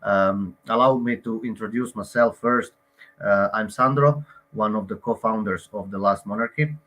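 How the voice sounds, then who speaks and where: A man's voice: on the low side, normal speed, sharp tone. A man from Croatia, a game co-founder, giving an online presentation with frequent hesitations and fillers.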